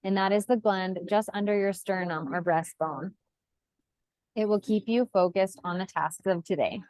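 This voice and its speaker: A woman's voice: medium pitch, moderate pace, a little mellow, no echo, poor audio. A woman hosting a casual online class who explains steps plainly, with some filler words. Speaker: class host.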